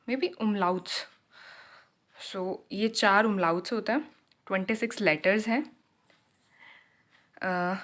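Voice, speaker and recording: Unhurried woman sharing class notes. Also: mid-range voice, fairly bright tone. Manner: unhurried, switching Hindi and English, self-correcting. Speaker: German learner teaching her class notes. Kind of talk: casual lesson.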